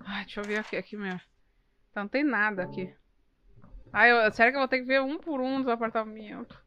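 A woman's voice: on the high side, fairly even intonation, a little fast, sharp tone, highs cut off. A young woman, giving live gameplay commentary, jumpy and exclaiming, swearing at enemies. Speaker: streamer.

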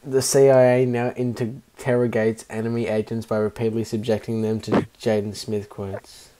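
A man's voice: on the low side, flat delivery, moderate pace, dark tone, a little hiss or hum. A man hosting an online card game with friends, reading the cards aloud and teasing the others with frequent laughs. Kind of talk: casual online game chat.

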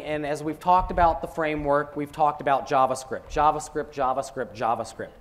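A man presenting software at a conference, talking through a live demo with joking asides. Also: on the high side.

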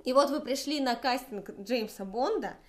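A woman's voice: high-pitched, moderate pace. A woman with a Russian accent teaching English intonation in a casual lesson. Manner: lively, demonstrates intonation.

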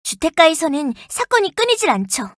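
A voice actress playing a young, earnest and protective firefighter in a game, polite and gentle, snapping into crisp radio-style reports. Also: female voice, extremely high pitch, big pitch swings, a little fast, no room sound, clean studio sound. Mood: calm, gentle. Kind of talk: game character voice lines. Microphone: dry studio mic.

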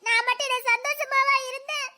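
A woman's voice: very high-pitched, steady tone, brisk, pushed and bright, full character voice. A woman playing a devoted young woman who tearfully pleads with her lover not to send her away. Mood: earnest devoted.

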